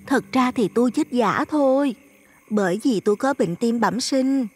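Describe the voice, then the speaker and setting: A man voicing a gentle, playful young village girl in an audio ghost story, speaking softly and chattily. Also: very high voice, lively intonation, normal speed, breathy edge, dry recording, pitched above the performer's own voice, heavily acted. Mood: explaining.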